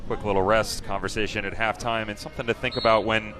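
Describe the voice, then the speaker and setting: Lowish-voiced man giving conversational soccer analysis. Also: level tone, fast talker, over music. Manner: conversational, with rhetorical questions. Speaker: color analyst. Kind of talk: live soccer analysis commentary.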